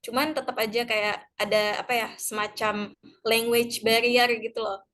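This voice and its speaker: Chatty young woman with a high voice. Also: steady tone, normal speed, fairly bright tone. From Indonesia. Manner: chatty, with many fillers and small laughs. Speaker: graduate student sharing her study experience. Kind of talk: casual online talk. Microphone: video call.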